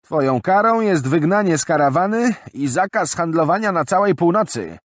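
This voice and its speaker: A man's voice: fairly high pitch, expressive, normal speed, no room sound, clean studio sound, voice pushed up. A man voicing an older gray-haired woman merchant who pronounces judgment sternly. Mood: stern, accusing. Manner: stern, commanding.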